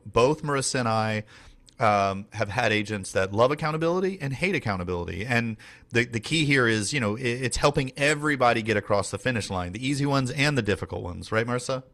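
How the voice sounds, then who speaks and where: A man who is a team leader and trainer talks through a casual training session, rambling with lots of fillers and restarts. His voice is medium in pitch with a fairly bright tone.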